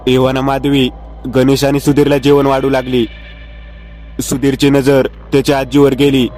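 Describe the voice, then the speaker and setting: Flat, measured male storyteller. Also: mid-range voice, soft background music. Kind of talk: scripted horror story narration.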